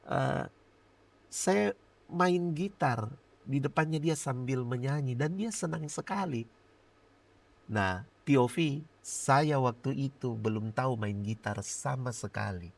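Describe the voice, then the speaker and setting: A middle-aged male pastor giving a lively personal testimony in a podcast interview, laughing often and acting out his own prayers. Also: medium pitch, slow, gravelly.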